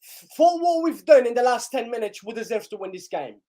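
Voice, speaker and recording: A young man hosts a live football reaction stream, excitable and hoarse because he's losing his voice, and keeps urging viewers to like and share. His voice is very high-pitched and a little fast.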